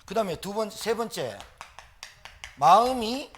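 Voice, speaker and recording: A man's voice: high-pitched, sing-song, unhurried, a bit bright, a little hiss or hum. A middle-aged man, preaching a sermon as pastor with emphatic rhetorical questions.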